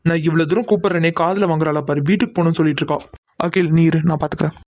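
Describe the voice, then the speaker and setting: A man voicing several young men in a Tamil cartoon drama, talking quickly and heatedly as they bicker. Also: fairly high pitch, a little mellow. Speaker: voice actor for several male cartoon characters.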